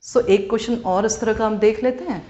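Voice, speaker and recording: A woman's voice: a little high, fairly even intonation, dark tone. A woman maths teacher with an Indian English accent, going through a lesson step by step and asking her students check questions. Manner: slow and deliberate, reading out each step. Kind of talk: classroom lesson mixing Hindi and English. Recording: dull lo-fi recording with faint noise.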